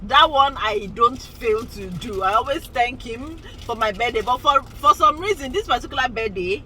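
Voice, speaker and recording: A woman's voice: a little high, animated, moderate pace, pushed and bright, slight background noise, poor audio. A woman in her forties, chatting casually and rambling to her vlog viewers, often laughing. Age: 40s. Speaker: vlogger. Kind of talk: casual chat to camera.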